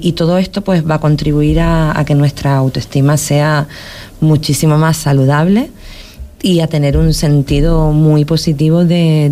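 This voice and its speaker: This is a low-pitched, dark-toned woman from Spain presenting a local radio program. She speaks thoughtfully and informally, often restarting, repeating words, and tacking on tag questions.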